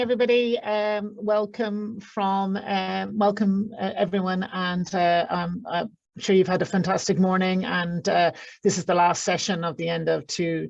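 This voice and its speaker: A woman with an Irish accent chairing an online panel session, introducing the speakers haltingly with many fillers and restarts. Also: fairly low pitch, creaky, no echo, lo-fi sound.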